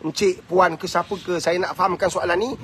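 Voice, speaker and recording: A man with a Malaysian Malay accent hosting a live advice talk, answering viewer questions in an animated, preachy and teasing way. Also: high voice, fairly quick, a little hiss or hum. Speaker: host giving advice.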